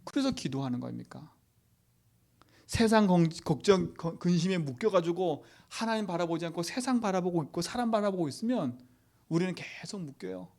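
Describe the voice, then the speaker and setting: A male pastor giving a sermon. He asks the congregation rhetorical questions and swings from loud exhortation to near-whispers. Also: high voice, expressive, a little fast, gravelly.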